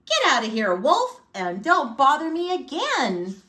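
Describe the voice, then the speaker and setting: A woman voicing a rude, snappy little male pig who shouts insults in a storybook. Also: high-pitched, wildly swooping pitch, unhurried, voice pushed up, full character voice. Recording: echoey room.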